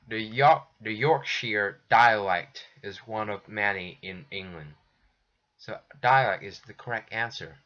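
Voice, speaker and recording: A man with a voice on the low side and a sharp tone works through textbook exercises as an English teacher in a recorded lesson. He is patient and slow, restarting often, and the recording has a dull lo-fi sound.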